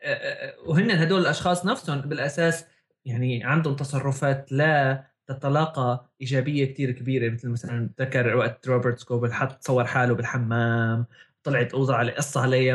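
A man with a Levantine Arabic accent co-hosting a casual tech chat, often repeating words as he searches for phrasing. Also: mid-range voice. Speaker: podcast co-host.

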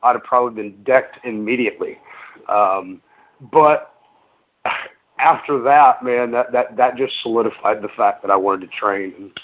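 A man's voice: mid-range voice, a little slow. Chatty man on a phone-thin line. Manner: rambling, many ums and restarts, chatty. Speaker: guest, pro wrestler. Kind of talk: casual radio interview storytelling. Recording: narrow phone-like radio sound.

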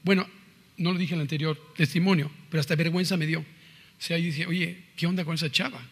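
Brief: middle-aged Mexican man, earnest testimony, slightly husky, higher than most, hall reverb. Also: fairly even intonation, quick pace. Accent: Mexican Spanish. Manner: earnest, conversational, swings between quiet and emphatic. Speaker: speaker giving a personal testimony. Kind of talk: testimony talk.

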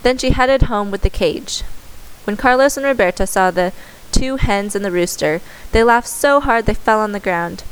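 A woman reading a children's story aloud in steady scripted narration, with the odd small self-correction. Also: mid-range voice, moderate pace, clean tone, low-quality recording.

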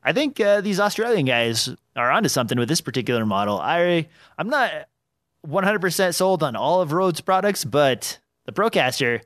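With a fairly high pitch and big swings in intonation, a slightly nasal man hosts a casual podcast at a moderate pace, rambling through fillers and restarts. The sound is a bit bright and echo-free, from a dynamic mic on an arm in a small home studio.

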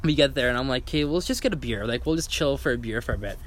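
A man's voice: mid-range voice, rapid-fire. Young man telling a rowdy story. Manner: animated, acts out quotes, swears freely. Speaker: guest storyteller. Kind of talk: casual storytelling.

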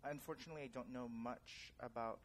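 Young male guest from the Philippines, earnest and thoughtful with pauses, faint rumble behind. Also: fairly even intonation. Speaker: guest, actor and director. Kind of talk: casual interview.

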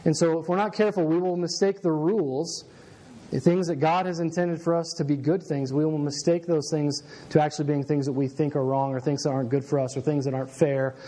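A man's voice: a little high, fairly even intonation, brisk, dark tone. A man in his late twenties giving a casual sermon, opening with a self-deprecating childhood story before turning to scripture. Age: 20s.

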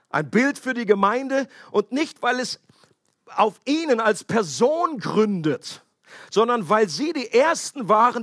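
A man's voice: very high-pitched, a bit bright, no echo, clean studio sound. A man preaching a sermon in a conversational way, asking his listeners questions and making playful asides. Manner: conversational, asks the audience questions; playful asides with joking voices.

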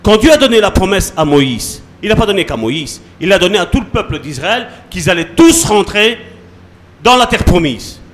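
A man preaching a sermon as pastor, swinging between soft asides and loud calls to the congregation. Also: sits high, very animated, normal speed.

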